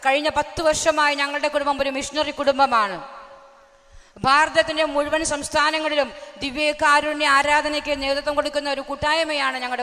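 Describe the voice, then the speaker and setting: A woman preaches with fervour, often raising her voice and asking the listeners questions. Her tone is bright and forceful. The sound carries a long reverb from a large hall. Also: high-pitched. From Kerala, India. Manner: fervent, often raises her voice and asks the crowd questions. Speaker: lay preacher. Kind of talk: sermon at a retreat. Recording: echoey hall recording.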